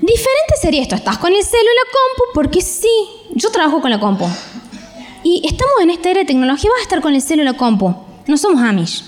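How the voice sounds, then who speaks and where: A woman with a Rioplatense Spanish accent preaching a sermon in a lively, conversational way, often acting out the voices of parents. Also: extremely high pitch, fast, in a large hall.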